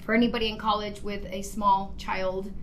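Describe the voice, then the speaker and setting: A woman's voice: mid-range voice, flat delivery, normal speed, noisy background. A woman in her thirties from El Paso, Texas, telling her life story as a podcast guest in an earnest way, with many ums and you-knows. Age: 30s. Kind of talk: casual personal story on a podcast.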